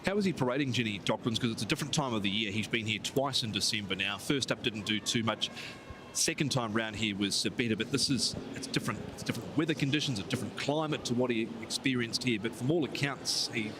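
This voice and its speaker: Male racing host over clear background noise. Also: medium pitch, fast talker. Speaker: broadcast host. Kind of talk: live racing broadcast presenting. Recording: noisy outdoor live broadcast.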